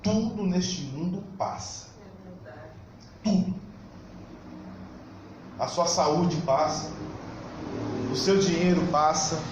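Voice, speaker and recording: A man with a high voice preaches a church sermon in a Brazilian Portuguese accent. He talks fast and emphatically, at times rising to a shout. His voice rings around a very echoey church hall with faint noise underneath. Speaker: pastor.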